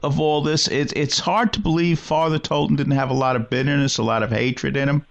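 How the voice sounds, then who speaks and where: A man's voice: fairly high pitch, fairly even intonation, a little fast, vocal fry. A man hosting a radio interview, asking the guest brief, plain questions. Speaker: radio host.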